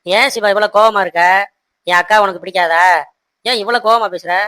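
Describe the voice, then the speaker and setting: A man's voice: sits high, fairly quick, bright, forceful tone, clean tone, no room sound. A man voicing a harried young husband in a cartoon who soothes his wife and complains to the audience. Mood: placating. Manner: soothing, placating, talks to the audience. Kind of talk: cartoon voice acting.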